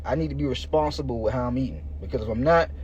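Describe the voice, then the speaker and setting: A man in his thirties races through his words in a medium-pitched, slightly mellow voice. As podcast host and fitness coach, he speaks directly to listeners in a loose, slangy motivational monologue. The recording is noisy, muffled lo-fi.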